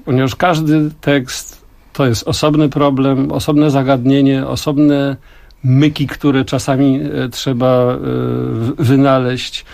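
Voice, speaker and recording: An older man with a mid-range voice talks thoughtfully in a radio studio interview. He weighs his words and pauses often as he explains his craft. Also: mid-range voice, level tone, vocal fry, darkish tone. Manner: reflective, measured, with frequent pauses. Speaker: song translator and musician, guest.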